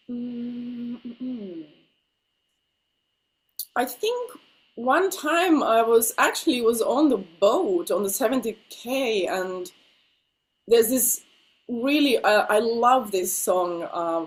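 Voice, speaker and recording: A singer is interviewed over a video call with poor audio, chatting casually and laughing often. A native Finnish speaker, she has a medium-pitched voice that's slightly nasal because she's ill.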